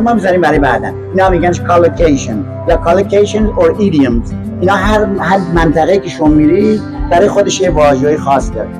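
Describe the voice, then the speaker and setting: An older man speaking as a guest on an interview podcast, in a fairly high voice. He lectures didactically and keeps checking that the listener is following, with music playing behind him. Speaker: guest, language teacher.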